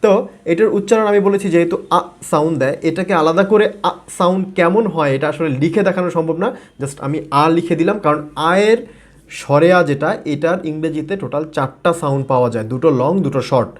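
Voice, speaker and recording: A man's voice: a little high, fast. A man from Bangladesh, a native Bengali speaker, teaching English pronunciation in a video lesson, repeating and modeling words with frequent fillers.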